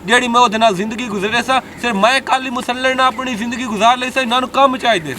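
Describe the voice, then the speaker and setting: A man's voice: very high voice, very fast, pushed and bright, a little hiss or hum. A man acting as a husband in a village web drama, ranting angrily and then pleading for forgiveness.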